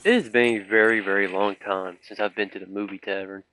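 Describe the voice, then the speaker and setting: A man's voice: lowish voice, level tone, a little fast, bright, forceful tone, low-quality recording. A young man streaming a video game, chatting casually and rambling with lots of fillers. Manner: rambling, filler-heavy storytelling. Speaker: gaming streamer. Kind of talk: casual chat while playing.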